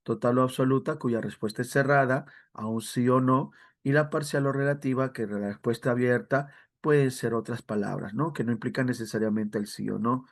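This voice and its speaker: A man's voice: mid-range voice, fairly even intonation, fairly quick, few pauses. Man teaching a grammar review class. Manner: explanatory, often adds tag questions; addresses students by name. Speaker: language teacher.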